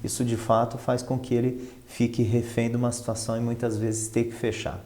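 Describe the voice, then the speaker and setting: A Brazilian finance professional and professor, interviewed as an expert guest, delivers his explanations flatly and a little fast in a warm, medium-pitched voice. He speaks conversationally, repeating points emphatically and asking rhetorical questions.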